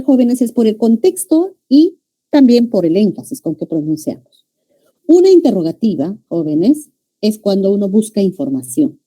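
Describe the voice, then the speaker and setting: A middle-aged woman with a Peruvian Spanish accent, giving an animated classroom lecture and addressing her students often and with emphasis. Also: medium pitch. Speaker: teacher.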